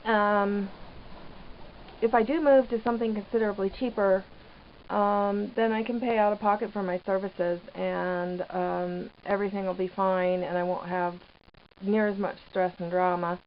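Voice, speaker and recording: A woman giving rambling, hesitant, casual vlog commentary from inside a small trailer, pausing mid-sentence. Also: mid-range voice, steady tone. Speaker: vlogger living off grid in a trailer. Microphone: handheld camera microphone. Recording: dull lo-fi camera audio, background noise.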